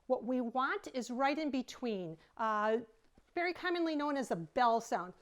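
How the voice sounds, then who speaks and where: A woman's voice: high voice, expressive, unhurried, no echo. Woman teaching a choir lesson. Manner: friendly, explanatory, enthusiastic. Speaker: choir director. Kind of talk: vocal technique video lesson.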